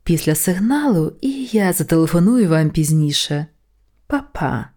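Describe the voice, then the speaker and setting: A woman reading a storybook voices a relaxed, drawling male demon speaking on an answering machine. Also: on the low side, unhurried. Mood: laid-back.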